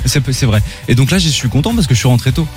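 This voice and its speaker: A man's voice: mid-range voice, lively intonation, fast talker. A man chatting casually as a sidekick on a radio show. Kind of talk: casual chat. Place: radio studio. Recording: music bed behind radio voice.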